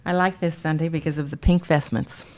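A woman's voice: low voice, steady tone, a little fast, darkish tone. A woman presenting as the host of a religious discussion program.

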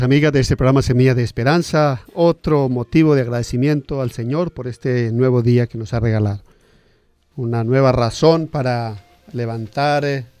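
Male religious radio host, earnest careful reader, soft music faint behind. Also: medium pitch, no echo. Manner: earnest, careful reading with small hesitations. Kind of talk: reading scripture on religious radio.

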